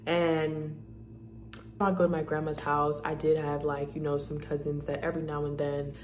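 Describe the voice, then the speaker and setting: Young woman vlogger, low voice, chatty and animated, slightly under the weather, roomy echo. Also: moderate pace, slight background noise. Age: young adult. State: slightly sick. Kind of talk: casual chat. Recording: echoey room.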